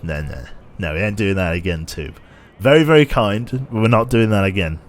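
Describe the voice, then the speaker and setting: A slightly tired man streams a game, offering casual commentary, thinking aloud and thanking viewers in a chatty way. His voice is on the low side, slightly nasal and a bit raspy, at normal speed.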